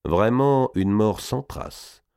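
Dramatic male narrator, low voice with lively range, dry close reading. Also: slow pace, vocal fry, clean tone, dry recording. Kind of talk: audiobook reading of a historical novel.

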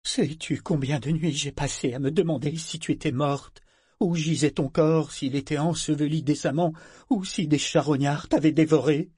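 A man's voice: mid-range voice, takes it slowly, a little mellow, slightly rough, dry recording, studio quality. A man reading an audiobook, voicing a distraught, bitter older mother with a trembling, emotional voice. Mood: amer.

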